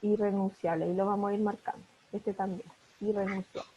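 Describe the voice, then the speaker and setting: A woman's voice: medium pitch, flat delivery, fast, warm tone, husky, highs cut off. A woman teacher, patiently explaining each word step by step in an online class over a video call. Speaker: primary school teacher.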